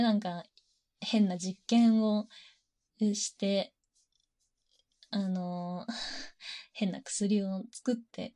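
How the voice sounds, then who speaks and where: This is a woman talking casually and frankly in an erotic confessional monologue, giggling often and leaning on fillers. Her pitch is middling and her tone is mellow and dark rather than bright. She speaks at an easy, conversational pace. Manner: chatty, giggly, frequent fillers.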